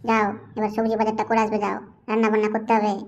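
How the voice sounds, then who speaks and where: A woman voicing a nagging, quick-tempered young housewife in a cartoon, scolding her husband. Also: mid-range voice, completely flat delivery, darkish tone, dull audio, a little hiss or hum, lightly acted. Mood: bossy. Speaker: wife character. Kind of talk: cartoon voice acting.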